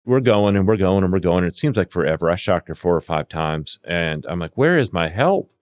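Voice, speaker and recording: A paramedic and CPR instructor tells field stories in lively conversation, acting out exchanges with quoted dialogue. His voice is low-pitched, animated and brisk, recorded with studio quality and no echo.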